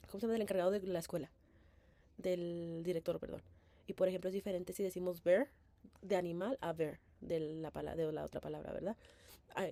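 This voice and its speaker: A woman's voice: lowish voice, warm tone, no room sound. A young woman recaps what she learned in a class presentation. She hesitates, corrects herself often and keeps tagging her sentences with a questioning "right?". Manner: hesitant, many fillers and self-corrections. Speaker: bilingual education student presenting.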